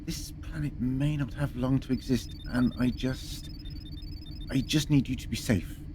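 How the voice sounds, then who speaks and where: A man acts a protective time-travelling doctor in a sci-fi audio drama. He speaks earnestly and carefully in a medium-pitched voice. Ship ambience is clearly audible behind. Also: fairly even intonation, a little slow, background noise, close to an everyday voice. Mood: tender, worried.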